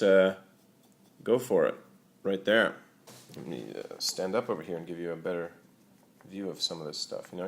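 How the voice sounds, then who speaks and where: A young man giving a casual hobby painting tutorial, talking loosely with lots of "uh" and "you know". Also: medium pitch. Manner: relaxed, many fillers like uh and you know. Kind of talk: casual how-to demonstration.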